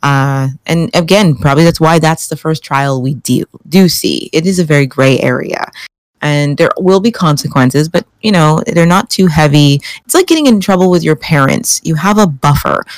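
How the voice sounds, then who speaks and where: A woman co-hosting a casual chat show, animated and quick to laugh as she argues her view. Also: deep voice, no echo. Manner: animated, laughs often, mimics reactions. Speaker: podcast co-host.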